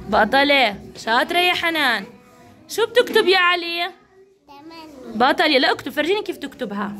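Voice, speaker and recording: A young woman with a Levantine Arabic accent, teaching a class of small children with steady coaxing and praise. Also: high-pitched. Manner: encouraging, coaxing, lots of praise. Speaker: kindergarten teacher.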